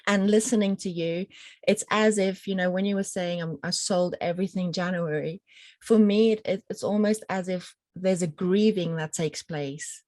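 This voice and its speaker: A woman's voice: on the low side, a little mellow, dry recording. Reflective woman, dry close sound. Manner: reflective, empathetic, thoughtful pauses. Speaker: podcast co-host. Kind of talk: casual spiritual conversation.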